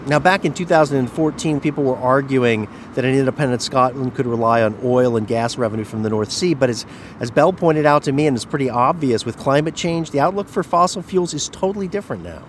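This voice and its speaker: A man's voice: medium pitch, fairly quick, slight background noise. Male correspondent explaining in conversation. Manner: conversational, explanatory with small restarts. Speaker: radio correspondent. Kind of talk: reported news conversation.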